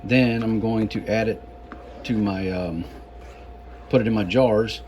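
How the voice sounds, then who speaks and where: A man giving a casual home cooking demonstration, explaining things in a halting, unhurried, folksy way. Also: lowish voice, noisy background. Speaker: home cook presenting a recipe.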